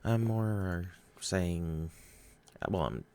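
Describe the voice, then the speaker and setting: A man's voice: sits low, extremely slow, a little mellow, smooth. A man chatting in a rambling, hesitant way while playing a game, often stumbling over his words. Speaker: gaming vlogger. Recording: noisy home recording.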